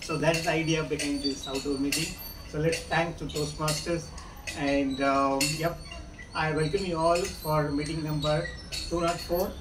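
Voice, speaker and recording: A middle-aged man, halting with fillers as he opens a club meeting in an open-air pavilion, recorded by a far camera. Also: on the high side, fairly even intonation. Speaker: presiding officer of a speaking club meeting. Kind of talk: opening remarks at a club meeting. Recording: roomy, distant, with loud background noise.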